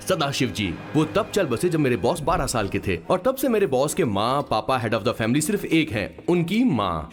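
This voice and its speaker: A man dubbing a chatty, loyal young assistant who narrates the story with playful humor. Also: medium pitch. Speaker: narrator, hero's sidekick. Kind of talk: dubbed film narration.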